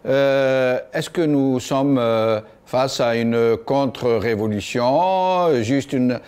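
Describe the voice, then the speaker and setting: A man's voice: medium pitch, very slow, darkish tone, smooth. A man hosting a political talk show, speaking formally with many hesitations. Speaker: host.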